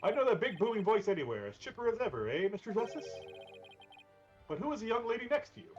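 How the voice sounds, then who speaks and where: A man putting on a booming old judge voice. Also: big pitch swings, fast talker, darkish tone, lo-fi sound, soft background music. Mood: jovial. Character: genial doddering old male judge. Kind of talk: reading game dialogue aloud.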